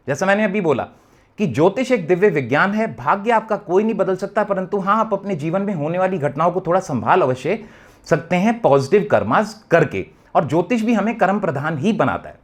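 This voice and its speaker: A man working as an astrologer, giving an earnest explanatory talk to viewers and slipping English terms into his speech. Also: high voice.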